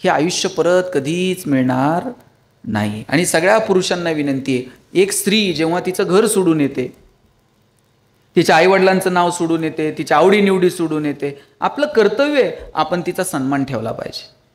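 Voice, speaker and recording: With a fairly high pitch, expressive delivery, and normal speed, a male public speaker gives a motivational lecture. He tells funny stories and pleads with his listeners.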